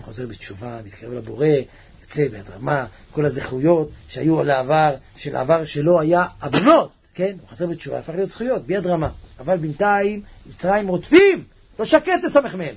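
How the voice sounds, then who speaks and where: Man, sermon, husky gravelly voice, lively swinging pitch, dull lo-fi sound. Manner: animated, acts out voices with sudden high cries. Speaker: rabbi. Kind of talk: Torah sermon.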